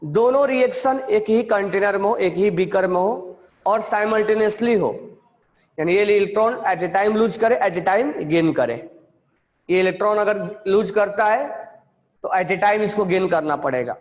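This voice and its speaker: A man teaching a chemistry class, explaining quickly, then repeating phrases slowly so students can write them down. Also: sits high, long reverb tail, dull audio. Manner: mixes quick explanation with slow dictation. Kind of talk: classroom lecture, dictating notes.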